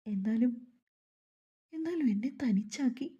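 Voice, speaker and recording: A woman voicing a shy, gentle young woman who speaks softly and quietly. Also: mid-range voice, lively intonation, normal speed, breathy edge, lo-fi sound. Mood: tearful.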